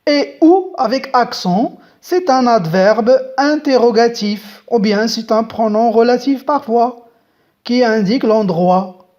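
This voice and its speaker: A woman's voice: on the high side, lively intonation, a little mellow. A woman teaching a French grammar lesson, patiently spelling out letters and talking straight to the viewers. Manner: slow, deliberate, spells out letters; patient, addresses viewers directly.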